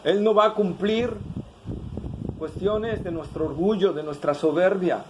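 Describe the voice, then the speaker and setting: A man preaches in a fairly high voice, lively and questioning. He keeps asking his listeners for answers. Faint noise sits under his voice. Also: measured pace. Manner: animated preaching, asks the congregation questions. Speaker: pastor. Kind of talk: sermon.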